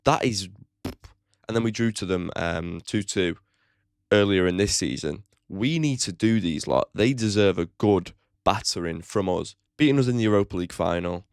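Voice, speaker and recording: On his football fan channel, a man whose voice sits on the low side previews an upcoming match bluntly and with strong opinions, swearing casually. He chats along with plenty of "like" fillers, and the studio-quality recording has no echo.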